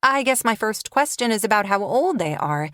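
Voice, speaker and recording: A woman's voice: medium pitch, very animated, normal speed, fairly bright tone, no echo, clean studio sound. A woman narrator voicing an eager, flustered young woman book dealer in an audiobook. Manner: eager, breathless.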